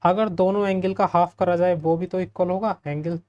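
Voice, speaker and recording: A man's voice: sits high, steady tone, a little mellow, lo-fi sound. Male tutor, friendly and conversational, explains a proof step by step with frequent "right?" check-ins. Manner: friendly, asks the class quick checking questions. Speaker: maths teacher. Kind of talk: step-by-step geometry lesson.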